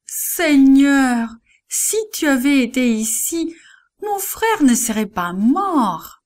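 A woman's voice: mid-range voice, expressive, slow pace. A woman voicing a grieving woman pleading for her dead brother, read in a raised, plaintive tone.

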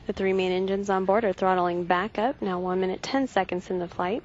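A woman giving measured, factual live launch commentary from mission control. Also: medium pitch, fairly even intonation, a little mellow. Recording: dull broadcast feed, faint noise.

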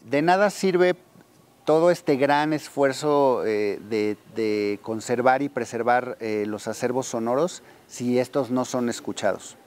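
Interviewed in an outdoor garden with a lapel mic, the archive's deputy director talks in an unhurried, steady, mid-range voice with a touch of mellowness. He explains thoughtfully, frequently pausing to find the right words.

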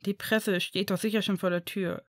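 A woman's voice: medium pitch, steady tone, normal speed, no room sound, clean studio sound, lightly acted. A woman doing a subdued, injured young man.

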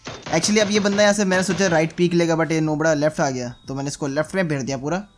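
A young man with a notably high-pitched voice talks through his gameplay as a channel host. He keeps it chatty and jokey, teasing himself as he goes. Quiet background music plays under him. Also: fairly even intonation, quick pace. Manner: joking, self-mocking, chatty. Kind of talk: gameplay commentary.

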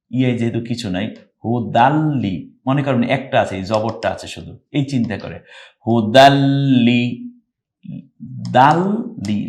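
A man teaching Quran recitation rules in Bengali-accented speech, explaining slowly and then chanting verses in long, louder phrases. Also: medium pitch. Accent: Bangladeshi Bengali. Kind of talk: step-by-step recitation lesson.

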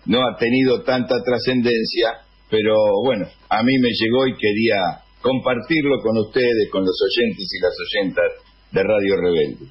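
An Argentine man hosting a radio show, delivering a political editorial in deliberate phrases with pauses. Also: medium pitch, husky, muffled recording. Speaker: radio host.

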